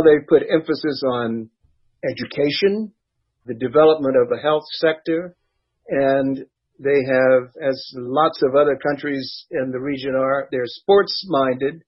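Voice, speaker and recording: Measured older man, husky lo-fi clip. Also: mid-range voice. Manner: measured, explanatory. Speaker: former ambassador, guest. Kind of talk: recorded interview clip. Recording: slightly dull, lo-fi sound.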